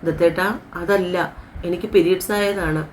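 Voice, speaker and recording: A woman's voice: on the low side, fairly even intonation, normal speed, darkish tone, slight background noise, natural voice. A woman reading as a shy timid young bride. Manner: hesitant, timid.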